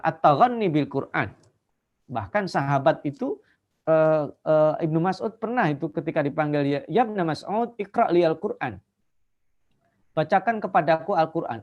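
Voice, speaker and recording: A man giving an online religious lecture. He explains at length and slowly chants short verses to show different ways of reciting. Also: medium pitch, darkish tone, muffled recording. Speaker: Islamic teacher. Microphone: video call.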